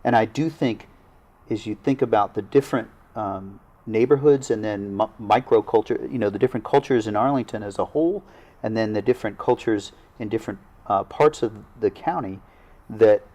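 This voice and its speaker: A man, a local government official in a studio panel conversation, speaking earnestly and haltingly with many restarts. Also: fairly low pitch, dark tone. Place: small TV studio.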